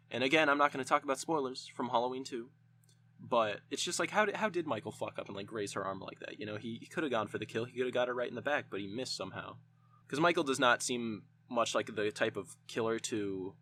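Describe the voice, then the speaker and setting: A man's voice: medium pitch, a bit bright, slight background noise. A young man hosting a podcast, reviewing a film in a casual, rambling way with lots of swearing and restarts. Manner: rambling, profane, frequent restarts. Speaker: podcast host.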